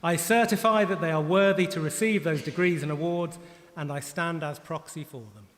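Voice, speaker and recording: A man's voice: fairly high pitch, fairly even intonation, normal speed, a bit bright. A man making a formal podium speech as a ceremony announcer presenting graduates. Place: large ceremony hall, amplified. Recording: echoey hall, crowd and background noise.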